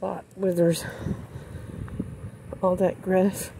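An older woman, rambling slowly and fondly as she walks down a small-town main street filming a vlog. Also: fairly low pitch, flat delivery, vocal fry, noisy background. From Oklahoma, USA. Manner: slow, rambling, nostalgic reminiscing with pauses. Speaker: vlogger. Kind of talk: casual walking vlog.

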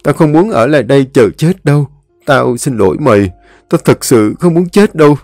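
A man voicing a panicked young man, high and urgent. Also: animated, normal speed, a little mellow, dry recording, soft background music. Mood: panicked pleading. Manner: pleading, panicky. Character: terrified young man fleeing a curse.

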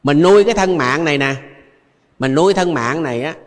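A man's voice: fairly high pitch, lively intonation, brisk, big-room sound. An older man with a Southern Vietnamese accent, a Buddhist monk giving a dharma talk full of anecdotes, who chuckles often and repeats phrases for emphasis.

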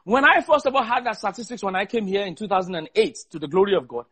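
Man, guest preacher, very high voice, fervent, stutter-repeats for emphasis. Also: a bit bright, slightly rough. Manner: fervent, repeats words in quick bursts; rhetorical questions in a rising voice.

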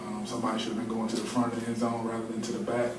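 At a postgame press conference, a man with a fairly low, monotone voice answers in rapid-fire fashion, candid and self-critical and full of fillers. He's picked up by a distant table mic in a large, noisy press room that sounds roomy.

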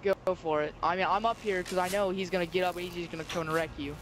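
High-pitched young dude yelping through a game chat, noisy mic. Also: male voice, quick pace. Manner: excitable, yelps and repeats himself. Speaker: game player. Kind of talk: casual gaming chat. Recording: noisy background.

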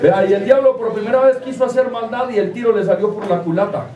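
High-voiced Colombian storyteller on stage. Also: male voice, quick pace, phone-quality sound, slight background noise. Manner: animated, crude, playful. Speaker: storyteller comedian. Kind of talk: live comedic storytelling. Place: live stage before an audience. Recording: roomy live room, distant mic, loud crowd.

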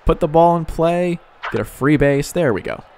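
A young man commenting live on his own video game play, excitable, with sighs and sudden outbursts. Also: on the high side, moderate pace. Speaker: gaming YouTuber.

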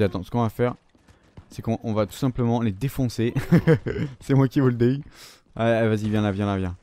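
A man commentating his own gameplay, excitable, swearing often and yelping at the game, talking with his mouth full. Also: mid-range voice, a little hiss or hum. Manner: excitable, swears a lot, shouts and yelps at the game. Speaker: gaming YouTuber.

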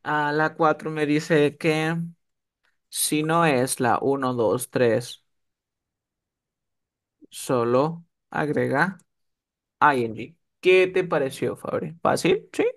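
A man's voice: fairly high pitch, slow, pauses often. A man teaching English one-on-one over a video call, often checking that his student is following. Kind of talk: one-on-one online tutoring.

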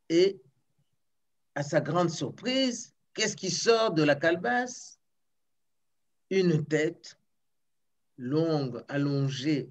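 Une conteuse qui raconte un conte traditionnel à voix haute, avec expression. Elle répète les mots pour appuyer l'effet et bute parfois sur une syllabe. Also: female voice, sits low. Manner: expressive, repeats words for emphasis, some stammering. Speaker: storyteller. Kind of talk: oral folktale storytelling.

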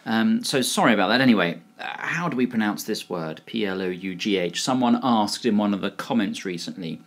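A man with a British accent giving a casual pronunciation lesson, hesitant and full of fillers, slowly modelling a word. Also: fairly low pitch, expressive. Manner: hesitant, many fillers, slow deliberate modelling of words. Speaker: pronunciation teacher.

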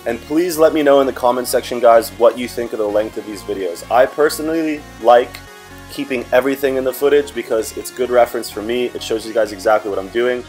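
A man's voice: mid-range voice, brisk. A young man in his twenties, a fitness vlogger talking casually over his workout footage and addressing viewers as guys. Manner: relaxed, chatty, talks to viewers as "guys". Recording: music playing underneath.

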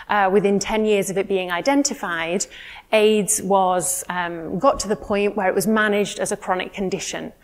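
A woman, giving a conference keynote in an earnest, steady lecturing manner with frequent ums. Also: mid-range voice. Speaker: keynote speaker. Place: conference room, indoors.

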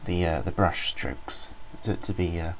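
A deep, gravelly male voice, a little slow and with slight hiss or hum, guides a casual screen-recorded walkthrough. As a software reviewer, he rambles about the program with plenty of ums and restarts.

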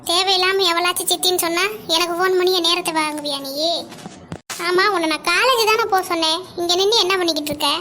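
Woman doing a bossy cartoon mom, very high voice, bright tone, harsh scolding. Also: fast, slight background noise. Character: stern scolding middle-aged mother, sharp-tongued. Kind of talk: cartoon dialogue acting.

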